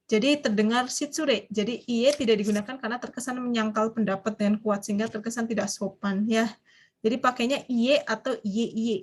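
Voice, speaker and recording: Lecturing an online language class, a young woman with a fairly high voice keeps things chatty and lively. She sprinkles foreign phrases through her explanations and quizzes the students.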